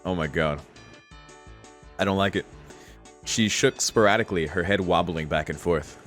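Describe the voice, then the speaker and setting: Music runs behind a low-voiced, slightly bright-sounding man streaming a casual visual novel playthrough at normal speed. As he reads the game aloud, he reacts off the cuff with exclamations, slang, and curses.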